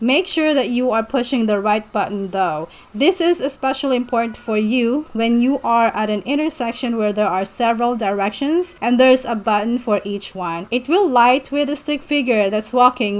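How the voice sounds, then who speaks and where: A young woman from the Philippines narrating a numbered list of practical advice in a measured, instructive way. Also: fairly high pitch. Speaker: vlogger, former exchange teacher. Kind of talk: scripted tips narration.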